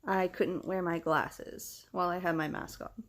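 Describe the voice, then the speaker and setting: A woman's voice: on the low side, level tone, a little slow. A young woman from the United States chatting casually, her words muffled as if through cloth over her mouth. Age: young adult. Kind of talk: casual chat.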